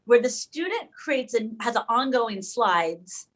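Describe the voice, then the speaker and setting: Her voice sits fairly high and swings widely in pitch, and she speaks slowly. She is leading an informal online discussion with other educators over a video call, presenting casually, thinking aloud and frequently correcting herself.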